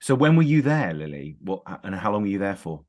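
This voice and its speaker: A very low-voiced English man hosts a podcast interview. He chats along eagerly and leans on plenty of "um"s and "uh"s. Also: sing-song, a little fast, darkish tone. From Britain. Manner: chatty, filler-heavy, enthusiastic. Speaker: podcast host. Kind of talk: casual interview chat.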